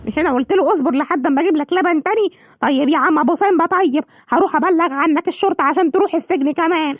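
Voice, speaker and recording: A woman with an Egyptian accent voicing a fussy female cow, excitable and complaining. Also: very high voice, rapid-fire, no echo. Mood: aggrieved. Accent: Egyptian Arabic. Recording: dull lo-fi, clear background noise.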